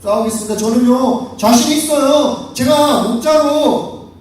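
A man's voice: very high voice, unhurried, a little mellow, a little hiss or hum. A man voicing a brave young shepherd boy who speaks earnestly and eagerly. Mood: confident. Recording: echoey hall from far off.

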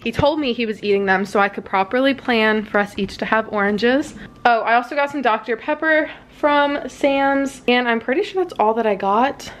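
A young woman talks into her phone camera in her kitchen, rambling easily with plenty of "like" and "um" and quick laughs. Her voice sits a bit high. A faint hiss of background noise runs under it. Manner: chatty, uses "like" and "um" a lot, laughs often. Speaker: vlogger. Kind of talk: casual vlog chat. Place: at home, in the kitchen.

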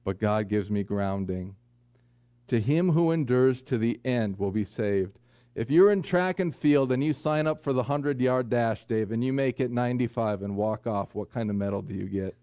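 A man in his forties preaching a sermon from a small church pulpit, earnest with folksy asides and slow, deliberate emphasis. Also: mid-range voice, dark tone, smooth, no room sound. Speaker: pastor. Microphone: pulpit microphone, far camera.

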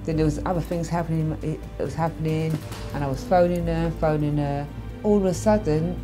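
Halting low-voiced woman remembering. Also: fairly even intonation, music in the background. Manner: halting, emotional recollection. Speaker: interviewee, mother of the victim. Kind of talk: documentary interview.

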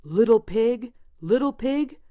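A woman voicing the big bad wolf in a storybook reading, drawing out loud threatening demands. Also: a little high, animated, noisy background. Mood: blustering. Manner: slow, drawn-out bellowing demands. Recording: dry close recording.

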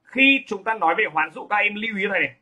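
A male literature teacher lecturing high school students, emphatic and constantly checking in with "right?". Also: lively intonation, fast, bright, forceful tone. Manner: emphatic, keeps asking "đúng không?".

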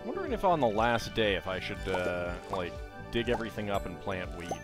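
A man's voice: fairly low pitch, sing-song, fairly quick. A man hosting a casual let's play, thinking aloud in short remarks as he goes. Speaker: gaming host. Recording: game music behind the voice.

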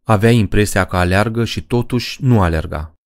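Low-voiced man narrating a horror story. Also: dry recording, clean studio sound. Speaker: audiobook narrator.

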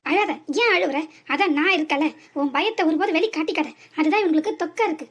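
A woman's voice: extremely high pitch, fast. A woman voicing a brave young male hero in a cartoon who lectures firmly and defiantly. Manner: firm, preachy and defiant.

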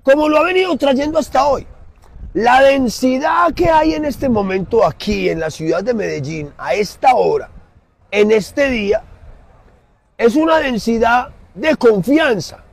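A middle-aged man with a Colombian Spanish accent preaching emphatically in an outdoor city plaza, swinging from loud to soft. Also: very high-pitched, animated, unhurried, vocal fry. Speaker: street preacher. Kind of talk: impassioned street sermon.

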